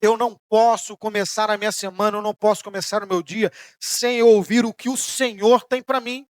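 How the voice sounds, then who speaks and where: A Brazilian man preaching a sermon as pastor, rising in emphatic bursts and then dropping soft, sometimes voicing the questions of his listeners. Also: high voice, steady tone, brisk, no echo, clean studio sound. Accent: Brazilian Portuguese. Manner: preaching with emphatic rises and sudden soft drops; voices imagined questions from listeners.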